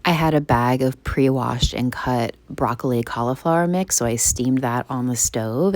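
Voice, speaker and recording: A woman's voice: very deep voice, darkish tone, dry recording. A young woman giving casual vlog voice-over narration in a plain, everyday way. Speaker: vlogger.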